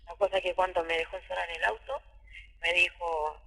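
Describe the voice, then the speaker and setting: A woman tells her story in halting, emotional bursts, repeating words as she goes. Her voice is husky and gravelly with a bright, tense edge. A long reverb trails behind her, as if she were recorded in a hall. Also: on the low side, flat delivery. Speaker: interviewee recounting abuse. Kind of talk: emotional personal testimony.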